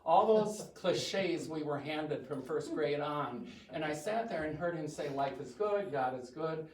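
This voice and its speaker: An older Midwestern American man with a big, fairly high, animated voice speaks a little slowly as a guest speaker, giving a chatty, self-deprecating talk to a church congregation. He's recorded from a distance in an echoey church hall.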